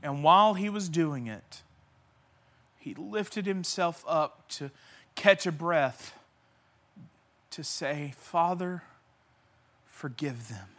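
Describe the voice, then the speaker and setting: Slow, bright-voiced impassioned preacher man. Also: on the high side. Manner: impassioned preaching, swinging from loud cries to hushed near-whispers; repeats key phrases for emphasis. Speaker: pastor. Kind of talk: sermon.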